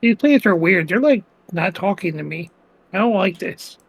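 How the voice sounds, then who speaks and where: High-voiced man playing a tabletop game. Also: expressive, normal speed, creaky, breathy edge. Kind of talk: casual improvised game chat.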